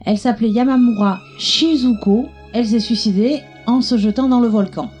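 Mellow-voiced woman laying out a film's plot, detail by detail. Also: fairly high pitch, moderate pace, soft background music. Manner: explanatory, detail-focused. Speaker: podcast co-host. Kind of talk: casual film recap chat.

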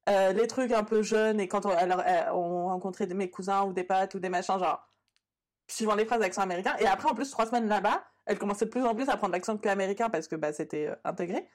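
A woman's voice: mid-range voice, fast. Woman on a podcast telling a story, chatty, lots of euh. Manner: chatty, long anecdote with fillers. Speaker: podcast co-host. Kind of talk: casual storytelling.

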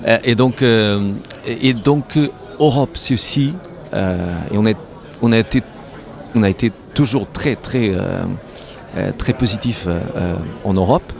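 A non-native French-speaking man with a foreign accent answers interview questions as a company representative, haltingly, repeating words as he searches for phrasing. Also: on the low side, vocal fry. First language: not French. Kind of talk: interview answers at a trade show. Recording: busy trade-show crowd behind. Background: crowd chatter of a trade fair.

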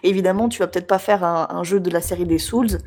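A woman co-hosting a casual video game chat, enthusiastic and chatty, laughing often and filling pauses. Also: fairly low pitch, darkish tone. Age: adult with a job. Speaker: podcast co-host.

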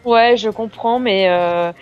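A woman co-hosting a casual chat, upbeat and quick to laugh. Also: medium pitch, clean tone. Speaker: co-host, game reviewer. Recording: slightly muffled, faint music behind.

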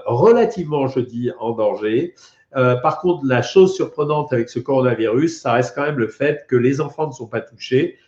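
A middle-aged French-accented doctor hosts a weight-loss live stream, casually answering viewer questions while he has a head cold. His mid-range voice is a little mellow, and he explains things with many hesitations. The stream audio is roomy, dull, and lo-fi.

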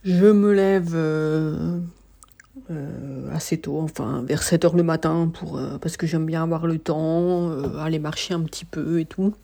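Slow, mellow-voiced tired woman podcaster. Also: deep voice, fairly even intonation, vocal fry. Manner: hesitant, many filler sounds and restarts. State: tired, worn out. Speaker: podcast host. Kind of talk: casual solo podcast monologue.

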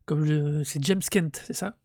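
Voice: medium pitch, fairly even intonation, measured pace, mellow, no echo, studio quality. A podcast co-host chatting casually about music, often correcting themselves mid-sentence.

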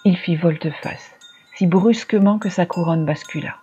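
A storyteller giving a measured, dramatic scripted reading of a dark fantasy tale. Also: mid-range voice, muffled recording, slight background noise.

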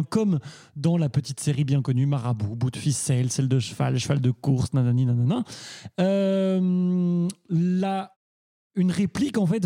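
A man's voice: high-pitched, warm tone. A man co-hosting an improv podcast, playfully explaining a game's rules. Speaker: podcast co-host presenting games. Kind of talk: casual explanation.

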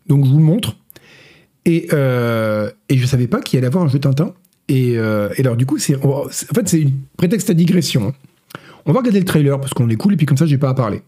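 A man hosts a casual gaming news stream with a hoarse, worn voice. His tone is dark and mellow. He rambles and jokes, stumbling over fillers and restarts. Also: a little high. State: hoarse from illness. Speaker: host of a gaming news show.

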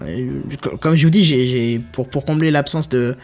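A man's voice: mid-range voice, normal speed, a little mellow, soft background music. A man co-hosting a casual podcast, explaining a news item with many hesitations and restarts. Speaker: podcast co-host. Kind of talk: casual tech podcast chat.

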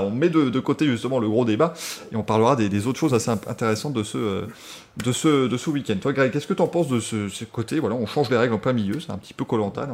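Fast-talking animated French podcast host. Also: male voice, mid-range voice. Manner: animated, laughs often, many fillers. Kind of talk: casual motorsport podcast chat.

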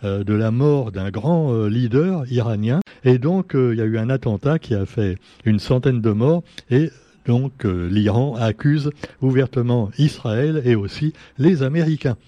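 A man's voice: medium pitch, expressive, a little slow, mellow, no echo. A man hosting a casual press review, chatty and sarcastic, with many fillers and asides. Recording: dull lo-fi sound.

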